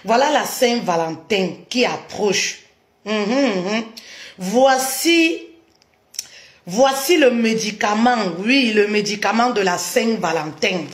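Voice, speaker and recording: Woman hosting a live sales stream; drawn-out, easygoing talk, loops her hellos. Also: mid-range voice, lively intonation. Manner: chatty, repeats greetings over and over. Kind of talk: casual live-stream chat.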